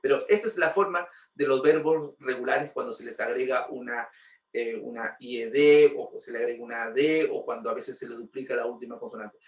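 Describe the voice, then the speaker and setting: In a roomy recording where he sits away from the microphone, a medium-pitched man teaches English grammar. He patiently goes over points again and poses rhetorical questions to check understanding.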